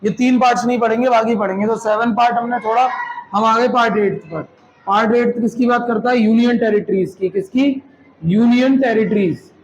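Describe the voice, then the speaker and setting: A man's voice: extremely high pitch, fairly quick, muffled recording, a little hiss or hum. A man teaching a classroom lecture, explaining step by step and checking with students through rhetorical questions, mixing Hindi with English terms.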